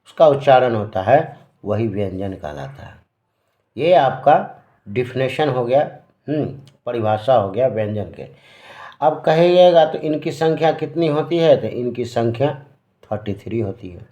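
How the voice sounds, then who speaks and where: A man teaching grammar at a board, speaking slowly and patiently and answering his own questions as he goes. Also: mid-range voice, animated, dark tone. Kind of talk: classroom-style lesson at a board. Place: room with a board. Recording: roomy, dull lo-fi sound.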